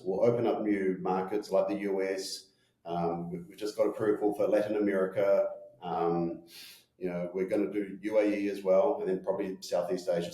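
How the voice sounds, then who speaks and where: Kiwi male executive, 40s, broad accent, dark relaxed tone, informal interview delivery, roomy sound. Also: low-pitched. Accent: broad New Zealand (Kiwi). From New Zealand. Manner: informal, peppers talk with "you know" and "right?". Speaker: company executive being interviewed. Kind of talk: casual interview talk.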